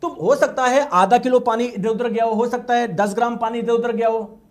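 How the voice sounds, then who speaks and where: High-voiced male lecturer. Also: fairly even intonation, moderate pace. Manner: asks the class questions and acts out students' replies. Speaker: teacher. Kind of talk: classroom lecture.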